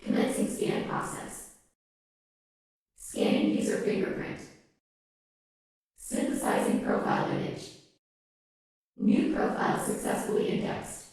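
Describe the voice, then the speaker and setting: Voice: measured pace, long pauses, a little mellow. Robot-filtered synthetic announcer, whispery and unvoiced, distant and drenched in echo. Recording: heavy echo, distant from the mic.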